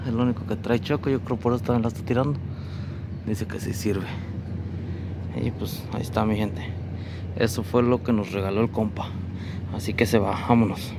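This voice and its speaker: Going through curbside trash on a residential street, a male vlogger talks casually to his audience in a voice on the low side, frequently addressing them as "mi gente." The audio comes from a chest-mounted action camera and is full of loud street noise.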